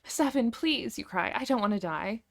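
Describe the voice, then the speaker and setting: A woman's voice: fairly high pitch, takes it slowly, pitched above the performer's own voice. A woman voicing a frightened young heroine who pleads breathlessly. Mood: pleading.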